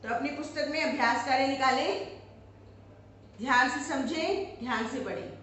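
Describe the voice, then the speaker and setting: A woman teacher giving a lesson, explaining step by step and saying words slowly so students can repeat after her. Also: sits high, fairly bright tone, very echoey, a little hiss or hum. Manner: slow, clear, repeats words for students to follow.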